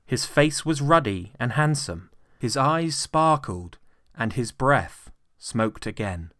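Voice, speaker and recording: A man's voice: medium pitch, lively intonation, slow pace, fairly bright tone, no echo, studio quality. A man with a British accent giving a theatrical, carefully phrased dramatic narration of classic fiction. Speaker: narrator, actor.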